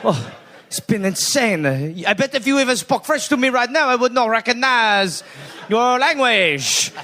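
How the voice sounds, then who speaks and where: A man voicing a man posing as a weary French prisoner, with a hammy, halting mock-French delivery on a comedy podcast. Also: very high-pitched, sing-song, pushed and bright, pitched above the performer's own voice, full character voice. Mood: mock-suffering.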